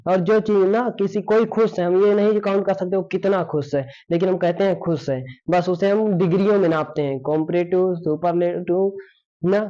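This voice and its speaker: Male grammar teacher, high voice, repetitive classroom delivery, lo-fi recording. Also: fairly even intonation, moderate pace, warm tone. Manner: repetitive, asks rhetorical questions and answers them himself. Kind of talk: classroom lesson explaining. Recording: dull lo-fi sound.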